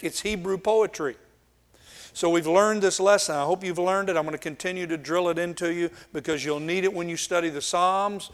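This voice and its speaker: A man preaching a Bible study sermon, reading scripture aloud with emphasis and pausing often. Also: on the high side. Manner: slow and deliberate, with frequent filler pauses.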